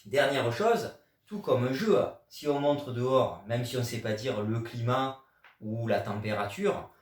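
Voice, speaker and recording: A Frenchman teaching Chinese in a video lesson explains patiently, stressing key words, in a medium-pitched voice at a measured pace. He is recorded from a distance in an echoey room.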